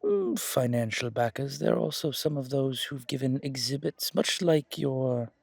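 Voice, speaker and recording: In a roleplay audio drama, a man plays an effusive, flirtatious museum curator, genteel and gushing with flattery, using a husky, creaky, mid-range voice. His delivery is heavily acted on a dry recording, with hesitant pauses and repeated words, and the mood is flattering and discreet.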